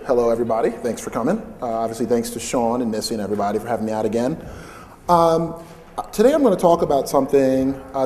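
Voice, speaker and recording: A man giving a live conference talk in a loud, chatty, informal way. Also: mid-range voice. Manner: loud, chatty, invites interruptions. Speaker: conference speaker. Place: large conference hall. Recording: long hall reverb.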